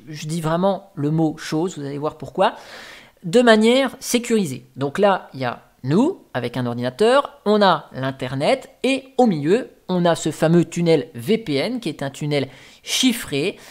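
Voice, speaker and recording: A man explaining networking concepts to viewers, pointing through a diagram piece by piece. His delivery is patient and methodical, with relaxed, self-mocking asides. He sounds like a tutorial host talking straight to his regular audience. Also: sits high. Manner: patient, step-by-step teaching with casual asides. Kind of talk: explaining a tech topic over diagrams.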